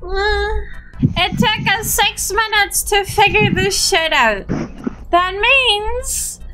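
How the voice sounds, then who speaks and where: A woman's voice: very high-pitched, slow pace, over music, low-quality recording. A tipsy woman in casual, playful, sweary chat while streaming a game with friends. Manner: tipsy, drinking as she plays. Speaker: streamer playing a ghost-hunting game with friends.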